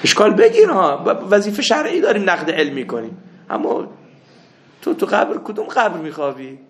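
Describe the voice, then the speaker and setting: A man teaching a seminary lesson, mixing anecdotes with doctrine, swinging from loud rebukes to soft asides. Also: high-pitched, big pitch swings. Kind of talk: religious lecture with anecdotes. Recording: echoey room with faint ambience.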